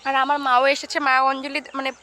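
A woman's voice: sits high, level tone, fast talker, bright, forceful tone, a little hiss or hum. A woman vlogger chatting to her viewers outdoors near a temple, filming herself on a handheld phone. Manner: chatty, addresses viewers, about to sneeze. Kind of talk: casual on-the-spot vlog talk.

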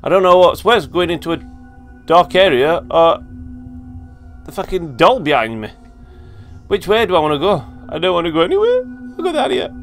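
A man's voice: high voice, very animated, moderate pace, long pauses, soft background music. A man commentating a horror game playthrough, jumpy, sweary and joking to himself. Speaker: gaming video host.

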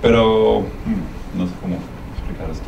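A young Mexican man gives an informal talk in a low voice, hesitant and colloquial as he meanders along. The sound is echoey and a little distant. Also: normal speed, vocal fry, muffled recording. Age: young adult. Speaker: guest speaker, media production worker. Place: university lecture room. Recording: echoey room, distant sound, background noise.

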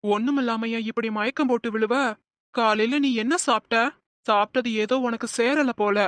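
Woman voicing a caring middle-aged cartoon dad, kinda high voice, fussing gently, dry sound. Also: fairly even intonation, moderate pace, no echo, natural voice. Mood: concerned. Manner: concerned, gently scolding. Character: kind middle-aged man, caring father-in-law. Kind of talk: cartoon voice acting.

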